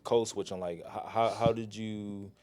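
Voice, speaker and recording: A man hosting a casual interview, asking questions haltingly as he searches for his words. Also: on the low side, flat delivery, a little mellow, slight background noise. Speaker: podcast host.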